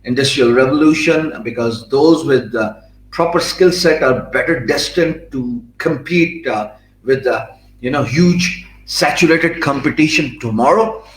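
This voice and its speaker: In an echoey room and a rough recording, a middle-aged Pakistani guest with a mid-range voice responds to interview questions. He speaks English, his second language after Urdu, fluently with a Pakistani accent, but relies on fillers, restarts frequently, and pauses for emphasis.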